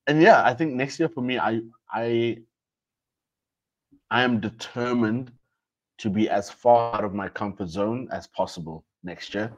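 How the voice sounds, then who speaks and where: In a mid-range voice and at a measured pace, this young podcast co-host reflects casually on things, frequently restarting his phrases and slipping in slang. The sound quality is dull and lo-fi.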